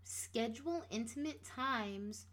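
Slow-talking woman, rambling and sassy. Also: a little high, fairly bright tone. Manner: rambling, many fillers and restarts; playfully sassy. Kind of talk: casual motivational monologue.

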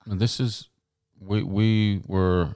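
A man's voice: on the low side, level tone, slow pace, dark tone, no echo, clean studio sound. A man hosting a design podcast, chatting with a guest in a rambling, self-interrupting way. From England. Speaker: podcast host.

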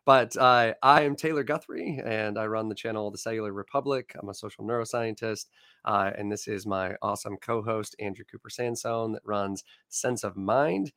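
A man co-hosting a casual live science talk, his voice hoarse and croaky like a frog from laryngitis. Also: lowish voice, normal speed, a bit bright, no echo, studio quality. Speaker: co-host and social neuroscientist.

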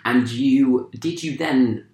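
A podcast host who asks questions lively and laughs often in casual chat. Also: mid-range voice, takes it slowly. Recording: roomy echo.

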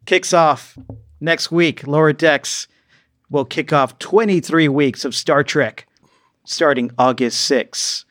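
A man's voice: fairly high pitch, takes it slowly, fairly bright tone, no echo. A man hosting a podcast in casual chat, joking and steering the topics. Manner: joking, leads the segments. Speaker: podcast host. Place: studio, live stream.

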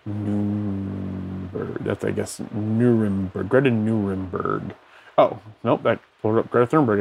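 Rambling man with a low voice. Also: a little mellow. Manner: rambling, many fillers, looks things up mid-talk. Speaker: podcast host. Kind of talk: casual rambling monologue. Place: on his bed at home.

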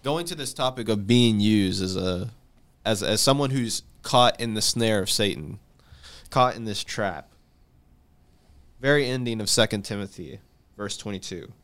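A man's voice: animated, unhurried, fairly bright tone. Give me an earnest man on a Bible talk. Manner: earnest, rises in pitch when stressing a point. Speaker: co-host.

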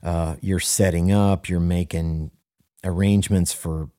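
A man co-hosting a casual podcast conversation as a worship leader, earnest and emphatic, repeating key phrases for stress, with the odd deadpan joke. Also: sits low, measured pace, no echo, studio quality.

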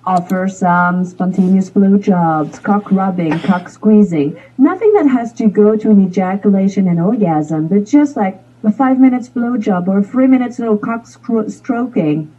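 A woman coach answering as an interview guest, speaking frankly and explicitly as she calmly explains her advice over a remote call. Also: mid-range voice, measured pace, few pauses. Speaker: sex and relationship coach, guest. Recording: distant, muffled call audio.

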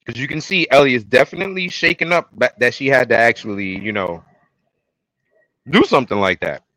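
A man's voice: mid-range voice, a little fast, no echo, rough recording. A young adult man, co-hosting a podcast and animatedly recapping an episode in casual chat. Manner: animated retelling with acted-out quotes. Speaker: podcast co-host.

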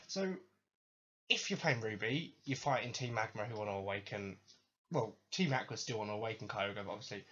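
A man's voice: on the low side, a bit bright, lo-fi sound, a little hiss or hum. A man hosting a comedic podcast rant, sweary, exasperated and sarcastic. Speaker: podcast host.

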